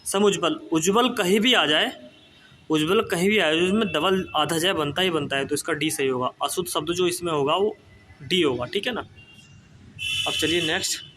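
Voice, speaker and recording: A man's voice: on the high side, moderate pace, background noise. A man running an exam-prep spelling lesson, repeating each word several times and checking in with his students as he goes.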